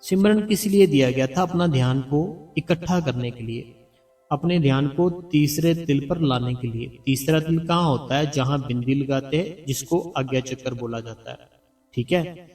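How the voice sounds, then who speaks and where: Male spiritual teacher, coaxing and repetitive, distant mic, faint music bed. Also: mid-range voice. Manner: repetitive, slow and coaxing, softly chants names. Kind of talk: devotional guidance talk. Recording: heard from a distance over background music.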